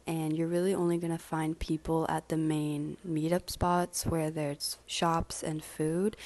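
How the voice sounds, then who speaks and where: A young woman narrating her vlog in a casual, chatty voiceover, still a little stuffy and hoarse after being sick, laughing lightly between words. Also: lowish voice, a little mellow. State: stuffy, recovering voice. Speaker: vlogger. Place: at home doing makeup.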